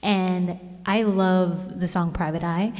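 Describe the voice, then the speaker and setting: A woman's voice: on the low side, steady tone, slow pace, darkish tone. A young woman hosting her own comedic music vlog, chatty and self-amused, recorded at home. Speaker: vlogger and songwriter.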